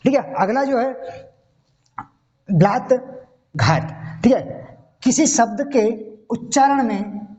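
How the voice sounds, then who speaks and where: A man teaching Hindi grammar leads a classroom-style video lesson step by step, frequently pausing to check the listener is following. His very high-pitched voice has lively intonation and a darkish tone, and he speaks slowly with long pauses. The recording is dull and lo-fi.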